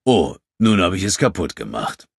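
A man's voice: very animated, takes it slowly, creaky, fairly bright tone, husky, no echo, clean studio sound, exaggerated voice. A man voicing a menacing, scornful giant fighter who talks with mock politeness and a growl. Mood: sneering. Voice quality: deep growl.

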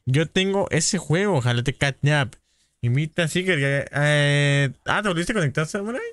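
Casting: streamer with a Mexican accent, somewhat high voice, chummy and casual, dry close mic. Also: male voice, expressive, fairly bright tone, dry recording. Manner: chummy, calls viewers "padrino", rapid greetings. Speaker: gaming livestream host. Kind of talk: casual live-stream chat.

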